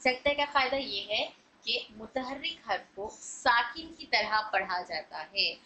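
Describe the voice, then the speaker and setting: A woman's voice: on the high side, animated, a little slow, bright, forceful tone, a little hiss or hum, poor audio. A woman teaching an online recitation lesson, patiently explaining and repeating each rule.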